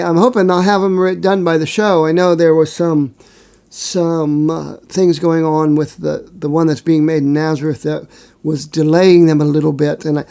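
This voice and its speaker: A man co-hosts a casual podcast, his voice gravelly and dark in tone. He rambles through long, detailed explanations, full of fillers. His pitch sits a bit high for a man. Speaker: podcast co-host.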